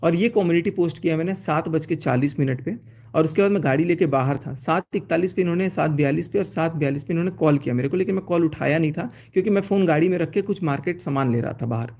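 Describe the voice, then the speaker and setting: Man, live-stream storyteller, aggrieved; pitched a bit high, mellow tone. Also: fast. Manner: aggrieved, reads out chat messages. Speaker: YouTuber showing chats on a live stream. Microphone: phone.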